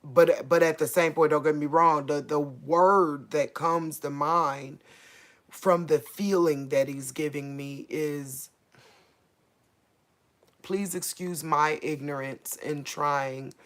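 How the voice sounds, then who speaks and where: A woman hosting a faith livestream, speaking a casual prophetic message to viewers in a halting way, searching for her words and repeating herself. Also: deep voice, fairly even intonation.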